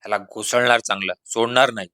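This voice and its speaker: A man doing a boastful, cunning village exorcist from a folk storybook, coaxing one moment and showing off the next. His voice is low, with a dry, close sound. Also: steady tone, brisk, pushed and bright, no echo. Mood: bossy. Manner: coaxing, then bossy and showy. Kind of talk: storybook reading.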